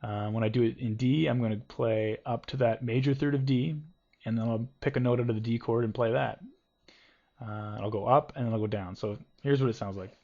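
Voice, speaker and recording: A man's voice: mid-range voice, fairly even intonation, fairly quick, mellow. A man giving a casual guitar lesson, explaining loosely with many ums and restarts. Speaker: guitar teacher. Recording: dull lo-fi home video audio with guitar.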